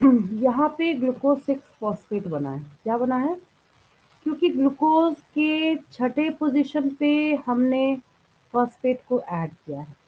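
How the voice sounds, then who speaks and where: A woman with a fairly high, husky voice teaches biology to a class. She poses each point as a question and answers it herself, checking often that the students follow. The sound is thin and phone-like. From India. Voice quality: clears throat now and then. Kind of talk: classroom lecture in a live class.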